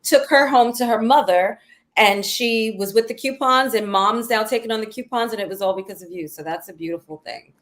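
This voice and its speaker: A woman's voice: a little high, brisk, a bit bright. Emphatic female co-host. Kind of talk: casual interview hosting.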